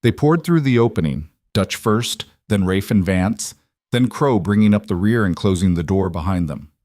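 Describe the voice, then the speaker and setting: A man narrating a scripted Western story in a steady, measured way. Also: low-pitched, no room sound, clean studio sound.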